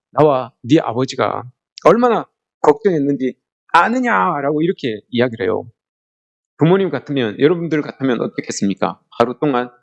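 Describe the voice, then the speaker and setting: A man's voice: medium pitch, darkish tone, lo-fi sound. A middle-aged man preaching a family worship sermon, telling stories and asking the congregation questions. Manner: storytelling, asks the congregation questions often; acts out quoted lines in a raised voice. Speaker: pastor.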